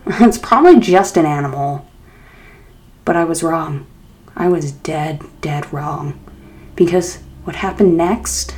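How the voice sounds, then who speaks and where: Slow, suspenseful woman storyteller. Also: low-pitched, a little mellow. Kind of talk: scripted spooky story narration.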